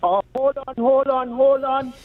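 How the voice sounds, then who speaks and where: A man's voice: very high voice, fairly even intonation, measured pace. A man calling into a talk radio show, formally addressing the hosts as brother, his call breaking up and dropping out. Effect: phone call breaking up and dropping out. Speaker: caller. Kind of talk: caller on a talk radio phone-in. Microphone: telephone. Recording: tinny phone line cutting out.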